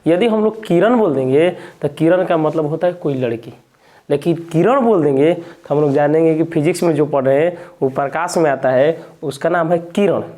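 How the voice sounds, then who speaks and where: A man walks students through a physics lesson, his voice dark and mellow. He keeps circling back to each definition, asking a question aloud and supplying the answer himself. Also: a little high, moderate pace. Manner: repetitive, asks and answers own questions. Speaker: teacher.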